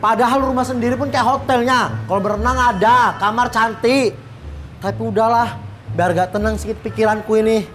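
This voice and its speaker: A woman with a Medan accent playing a sharp-tongued, bossy middle-aged woman who scolds and complains bluntly. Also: on the high side, fairly even intonation, fairly quick, a little hiss or hum, close to an everyday voice. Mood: irritated. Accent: Medan Indonesian. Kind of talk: comedy web drama acting.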